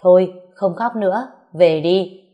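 A gruff village farmer, as a woman narrator puts him on, scolding loudly in a storybook tale. The voice is lowish and raised well above the narration. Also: measured pace, muffled recording, natural voice. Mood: stern scolding. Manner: scolding, loud. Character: gruff village farmers, stern adult men.

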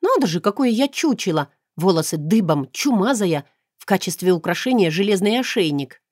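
A woman narrates a first-person audiobook in a smooth, even storyteller's voice. Her pitch sits in a middle range. The recording is dry and close. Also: moderate pace, dry recording.

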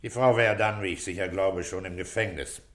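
Here the actor plays a middle-aged inspector for a German radio drama, his low voice moving at a slightly quick clip. The tone is calm and coaxing, with a fatherly warmth and a shrewd edge.

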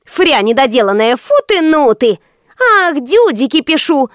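Lady reader doing a gossipy hairdresser woman, mouthy and quick, higher pitched. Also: expressive, dry recording, clean studio sound. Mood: scornful. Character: brash gossipy female hairdresser, sharp-tongued.

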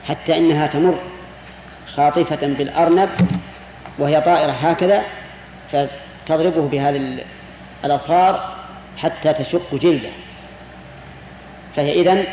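A man's voice: on the high side, darkish tone. A man, a sheikh giving a classroom lecture on jurisprudence. He explains patiently, repeats key words and puts questions to his students. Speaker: sheikh teaching Islamic jurisprudence. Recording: roomy reverberant hall with faint hiss.

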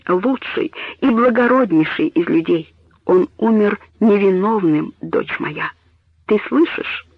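A man reading a storybook voices a dying mother who speaks in grave, hushed, imploring tones. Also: sits high, slow pace, no echo, heavily acted. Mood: anguished. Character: dying mother hiding a grim secret. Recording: tinny phone-like dry audio.

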